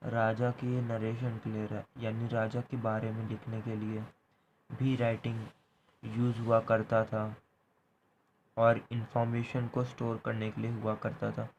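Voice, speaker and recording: Male tutor, flat, mellow delivery, repeats each point, faint background hum. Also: on the low side, measured pace, poor audio. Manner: repeats points, ends phrases with "theek hai". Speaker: teacher. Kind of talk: explaining a history lesson.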